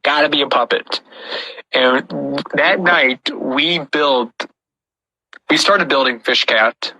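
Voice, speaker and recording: A man's voice: medium pitch, sharp tone, no echo, rough recording. A man hosting a casual podcast about puppets, telling stories with frequent restarts. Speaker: podcast host and puppet creator.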